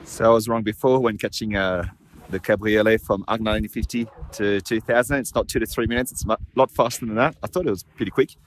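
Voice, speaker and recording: A half-French, half-Australian man who founded a ski travel agency and vlogs gives a frank, chatty walkthrough of a ski resort, filming himself outdoors on a phone held selfie-style at arm's length. His voice is on the low side, steady in tone and fast.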